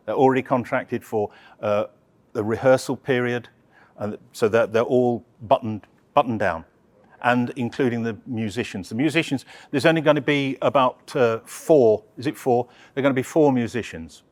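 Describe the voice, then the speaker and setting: A man presenting an opera project, answering audience questions in a chatty, halting way with many restarts. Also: medium pitch. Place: live talk session.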